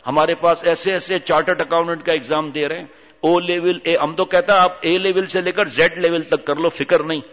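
Animated scolding male preacher. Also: fairly high pitch. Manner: animated, rhetorical questions, scolding. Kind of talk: sermon. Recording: reverberant hall, dull lo-fi sound.

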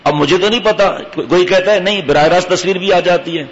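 A man, giving a sermon and putting rhetorical questions to the congregation, with pious phrases throughout. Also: high voice. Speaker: preacher. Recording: dull, long-reverb hall recording.

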